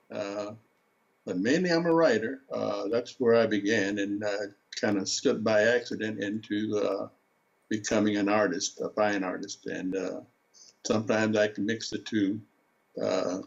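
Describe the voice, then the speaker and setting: Older man, husky and low, hesitant. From Seattle, USA. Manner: hesitant, many filler sounds. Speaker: artist guest. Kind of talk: relaxed interview talk. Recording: dull lo-fi sound.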